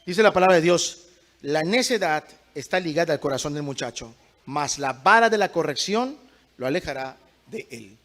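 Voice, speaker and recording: High-voiced emphatic man preaching. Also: animated, normal speed, a bit bright. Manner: emphatic, asks the congregation questions. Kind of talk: sermon.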